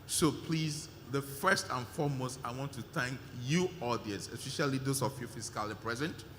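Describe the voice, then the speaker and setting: A man's voice: medium pitch, moderate pace, a bit bright, a little hiss or hum. A man speaking as a conference organizer, giving an emphatic, repetitive vote of thanks with many fillers at a live event. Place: large conference hall. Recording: hall reverb with faint ambience.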